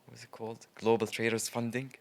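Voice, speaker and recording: A man, a trader guest, telling stories in a casual interview in a chatty, lively way, with frequent ums. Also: medium pitch, fast.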